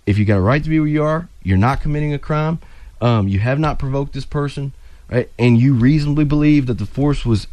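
A man's voice: medium pitch, a little fast, darkish tone, no echo. A man, an attorney guest on a call-in radio show, explaining self-defense law earnestly and repeating key points as he goes.

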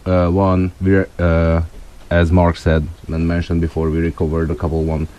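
Low-voiced Hungarian man, halting English. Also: completely flat delivery, mellow, highs cut off. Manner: halting non-native English, searching for words. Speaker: firearms expert guest. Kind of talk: call-in radio show guest.

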